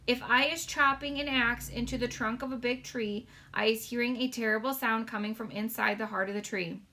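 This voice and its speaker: A woman's voice: fairly high pitch, steady tone, a little fast, pushed and bright, slight background noise. A woman voicing an earnest, touchy giant man in a storybook, speaking emphatically with folksy, muddled grammar. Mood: solemn, intense. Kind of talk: storybook read-aloud character voice.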